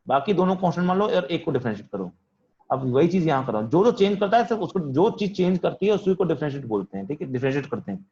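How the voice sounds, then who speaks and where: A man's voice: fairly high pitch, sing-song, quick pace, darkish tone, muffled recording. A man teaching physics in an online class, asking questions and answering them in a student's voice, calling on students by name. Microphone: video call.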